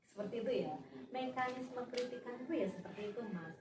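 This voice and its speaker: A woman's voice: fairly high pitch, fast. Woman, patient school counselor in a role-play; distant mic, roomy echo. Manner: patient, explaining step by step with examples. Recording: echoey room, far mic, noisy.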